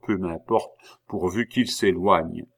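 A man voicing a calm, ironic king in an audiobook reading, humming and drawling before his lines. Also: low voice, unhurried, gravelly, pitched below the performer's own voice, exaggerated voice. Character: King Louis XVI, calm, dry, ironic middle-aged man.

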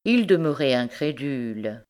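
A woman narrating a literary story in a measured, expressive way. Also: a bass voice. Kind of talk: audiobook narration.

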